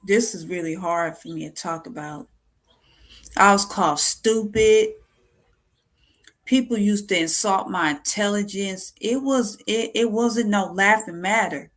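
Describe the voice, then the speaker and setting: A young woman speaks to her viewers in a personal, confessional vlog. She stops and restarts, repeating words as she tries to get them out. Her voice is close to tears. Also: medium pitch. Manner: halting, repeats words, emotional. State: near tears. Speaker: vlogger.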